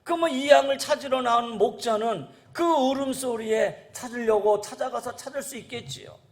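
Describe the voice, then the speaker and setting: At normal speed and in a very high-pitched voice, this pastor delivers an earnest, repetitive sermon. He reads scripture, keeps ending lines with "라는 거예요", and often addresses the congregation as "여러분".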